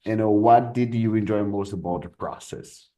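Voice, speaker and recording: A man with a Brazilian Portuguese accent, a podcast host and English teacher, leads a casual, playful chat, laughing often and stumbling over his words. His fairly low voice is mellow and moves at a moderate pace.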